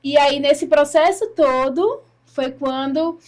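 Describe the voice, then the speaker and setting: Brazilian woman with a high voice telling her faith testimony on a podcast, earnest. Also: takes it slowly, a little mellow. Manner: earnest storytelling, acts out her own past words. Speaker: guest giving a testimony.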